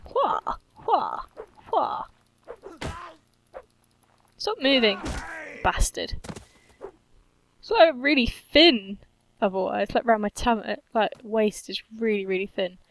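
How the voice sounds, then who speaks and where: A woman's voice: fairly high pitch, normal speed, a little hiss or hum. A woman giving casual gameplay commentary, playful, cheerfully swearing and humming to herself. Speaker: gaming channel host.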